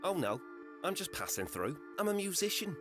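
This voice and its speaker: A man's voice: high-pitched, big pitch swings, moderate pace. A friendly travelling musician. He talks in an easy, folksy way, and his voice rises and falls freely. Game music plays behind him. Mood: easygoing. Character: friendly travelling musician man, young adult. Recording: game audio over music.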